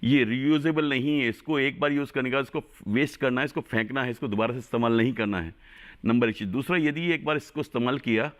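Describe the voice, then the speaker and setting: Fast-talking doctor giving emphatic advice. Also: male voice, mid-range voice. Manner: emphatic, repeats instructions. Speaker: doctor guest. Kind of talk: health advice on a TV phone-in.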